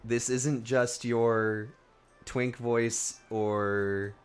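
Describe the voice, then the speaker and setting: A woman's voice: extremely low pitch, fairly even intonation, extremely slow, clean tone. A woman streamer chatting and reacting to a video game, laughing and teasing her co-host. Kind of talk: casual gaming stream chat.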